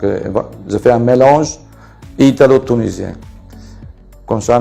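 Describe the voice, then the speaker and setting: Italian-accented businessman, dark low voice. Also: vocal fry. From Venice region, Italy. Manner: halting, many fillers and restarts. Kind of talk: presenting his company to camera.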